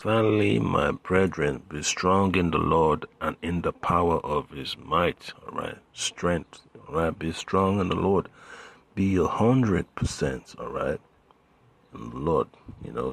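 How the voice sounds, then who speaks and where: Gravelly deep-voiced male preacher. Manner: conversational, peppered with "man" and "you know"; reads scripture louder and slower. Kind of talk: casual Bible teaching.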